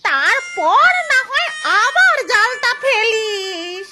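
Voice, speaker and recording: A woman voicing a hapless, mischievous female pond ghost in a cartoon, whining and scheming in a drawn-out, comic way. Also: very high-pitched, very animated, loud music behind the voice, exaggerated voice. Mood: exasperated, pleading. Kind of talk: animated ghost story character.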